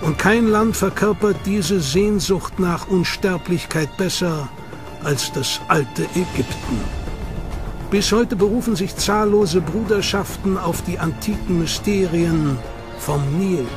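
Scripted documentary narration comes from a man whose voice is notably high, and he reads in a measured, solemn way. Loud music plays beneath him the whole time.

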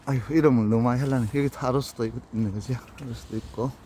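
A man with a Gyeongsang Korean accent, giving an unhurried, casual walkthrough of his plants outdoors and in a greenhouse. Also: mid-range voice, steady tone, mellow, a little hiss or hum. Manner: plain, unhurried, pointing things out.

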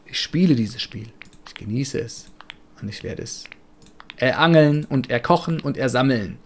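A man's voice: mid-range voice, expressive, moderate pace. A man from Germany giving chatty, rambling, blunt and jokey commentary while playing a life-sim game. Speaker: let's play gamer. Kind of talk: casual gameplay commentary.

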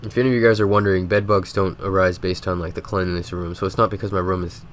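A man with a deep voice and a congested, stuffed nose rattles off rapid-fire game commentary as a gaming video host. He rambles in a relaxed, loose way with plenty of filler words, and a faint hum lingers in the background.

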